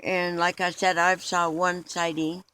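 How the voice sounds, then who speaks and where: High-voiced man rambling earnestly. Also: level tone, unhurried, bright, forceful tone, clean tone, rough recording. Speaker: interviewee. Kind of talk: mock-documentary interview.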